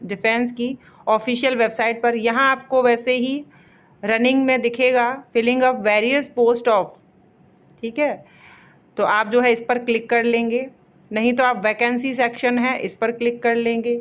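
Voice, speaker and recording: A woman explaining a job vacancy notice in a casual walkthrough, pausing on fillers and reading official names slowly. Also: a little high, fairly even intonation, highs cut off. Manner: explanatory, repeats fillers and pauses mid-phrase; reads English names slowly, word by word.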